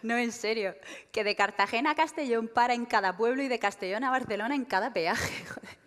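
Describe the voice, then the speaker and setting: A woman's voice: a little high, fast. Woman doing stand-up in a hall. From Spain. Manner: lively storytelling, acting out dialogue. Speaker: stand-up comedian. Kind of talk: stand-up comedy monologue. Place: theater stage. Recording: long reverb of a theater hall.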